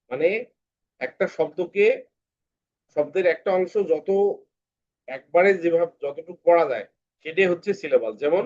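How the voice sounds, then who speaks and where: A man's voice: fairly high pitch, darkish tone, lo-fi sound. A man teaching English to a class, patiently repeating points and calling on students by name.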